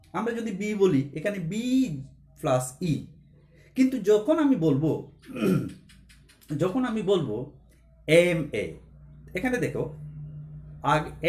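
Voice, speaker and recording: A man's voice: sits high, a little mellow, reverberant. A man teaching English grammar to a class, explaining step by step and asking questions before answering them himself.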